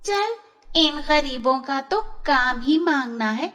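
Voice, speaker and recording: Woman voicing a shrill spoiled girl. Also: animated, slow pace, a bit bright, exaggerated voice. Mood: whiny. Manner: whiny, shrill complaining. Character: spoiled jealous teenage girl.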